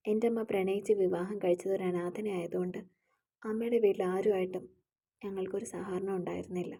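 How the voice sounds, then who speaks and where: A woman voicing a shy young orphaned college girl in an audio story, speaking quietly and subdued. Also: medium pitch, fairly even intonation, a little fast, vocal fry, slightly rough. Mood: sad.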